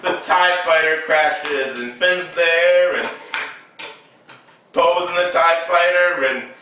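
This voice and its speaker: A man recapping a movie casually with toy figures, excitable and adding his own sound effects. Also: a little high, a little hiss or hum. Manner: excitable, slow storyteller, makes sound effects. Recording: very echoey room, mic at a distance.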